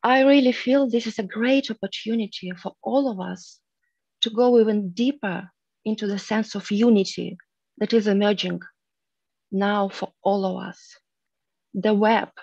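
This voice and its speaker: Soft-spoken woman on a muffled video call. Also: mid-range voice, creaky, husky, no room sound. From Russia. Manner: soft, earnest, with drawn-out pauses. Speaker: meditation group leader. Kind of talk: spiritual guided teaching. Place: room at home, indoors. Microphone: headset on a video call.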